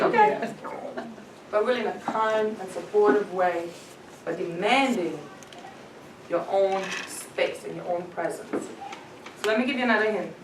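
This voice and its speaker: A woman coaching a small group on etiquette and presence, talking emphatically and laughing often. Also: mid-range voice. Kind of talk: workshop talk to a small group. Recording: roomy and distant with background noise.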